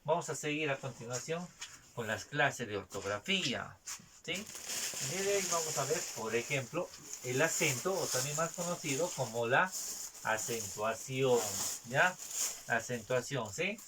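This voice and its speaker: A man teaching a spelling lesson, repeating each point and checking in with quick tag questions. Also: mid-range voice, expressive. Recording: distant mic, faint noise.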